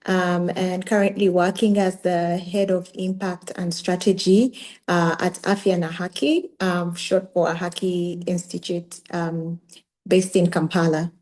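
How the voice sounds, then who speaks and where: A woman's voice: on the low side, steady tone, unhurried, darkish tone. Ugandan woman introducing herself. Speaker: panelist. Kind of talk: webinar introduction.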